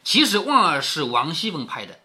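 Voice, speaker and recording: A man's voice: on the high side, big pitch swings, normal speed, pushed and bright, breathy edge. A man reading a classic novel aloud to his daughter, explaining it in a conversational way and asking her questions. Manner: conversational, asks questions of the listener.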